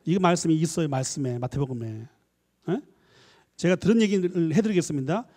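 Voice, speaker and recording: A man, a professor, giving a lively church lecture, acting out little dialogues and coaxing his listeners. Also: on the high side, brisk. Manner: animated, acts out dialogues, coaxing the audience. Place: church hall. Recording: long hall reverb.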